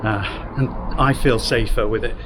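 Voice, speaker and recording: A man casually explaining his house renovation, thinking aloud with a rambling, unhurried manner. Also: mid-range voice, steady tone, noisy background. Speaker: home renovation vlogger. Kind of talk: casual vlog commentary. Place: indoor house under renovation.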